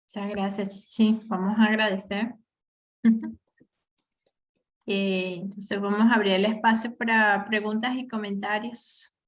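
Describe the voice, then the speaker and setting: A woman's voice: medium pitch, level tone, measured pace. A woman moderating a seminar, thanking the speaker and asking tentative questions. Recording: lo-fi video call audio.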